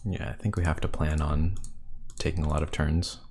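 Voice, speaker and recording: A man with a very deep, slightly mellow voice commentates his own card game at a moderate pace with fairly even intonation. Thoughtful, he thinks aloud and weighs each move, musing and counting under his breath. Slight background noise is present.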